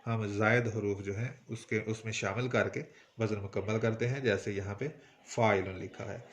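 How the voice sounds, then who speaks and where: A man's voice: fairly low pitch, steady tone, moderate pace. A man from Pakistan with a Punjabi-tinged Urdu accent, teaching a poetry lesson patiently and breaking words into syllables. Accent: Punjabi-influenced Urdu. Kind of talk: instructional lesson.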